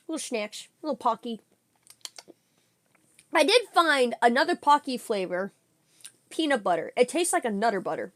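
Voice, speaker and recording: Excitable young woman streamer, lively pitch. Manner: chatty, excitable, slangy, talks while snacking. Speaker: streamer reacting to a video. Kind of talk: casual live-stream reaction chat.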